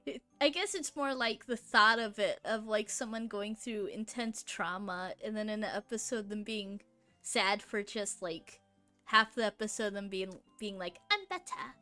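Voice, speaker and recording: Young woman vlogger, giggly and rambling, slow, bright tone, faint music behind. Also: mid-range voice, steady tone. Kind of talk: casual rambling chat.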